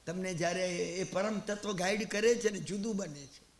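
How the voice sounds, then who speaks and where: Male preacher, animated storyteller, high pitch, roomy sound. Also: moderate pace. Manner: animated storyteller acting out characters. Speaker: Jain preacher. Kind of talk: sermon with storytelling.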